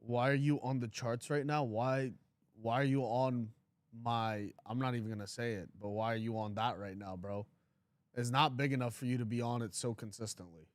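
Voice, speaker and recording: A man's voice: medium pitch, steady tone, moderate pace, no room sound. A man in his twenties hosting a trading livestream, talking casually and bluntly, teasing his chat and reading comments aloud. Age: 20s.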